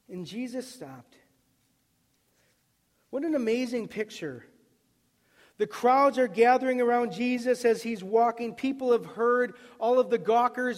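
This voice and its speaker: Pastor guy preaching, really high voice, emphatic and repeating lines, echoing hall sound. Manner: emphatic, repeats words, builds to loud cries then drops soft. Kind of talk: sermon. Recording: long reverb of a hall.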